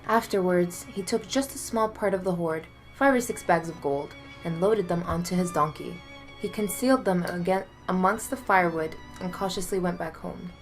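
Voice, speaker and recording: A woman reading a folktale aloud in a measured, expressive storytelling manner. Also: lowish voice, faint music behind.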